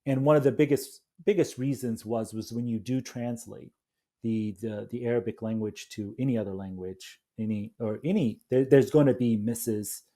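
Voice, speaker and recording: Warm and mid-range, this man's voice belongs to a coffee company founder guesting on an interview. He talks casually but haltingly, repeating words as he gropes through sentences and agreeing easily.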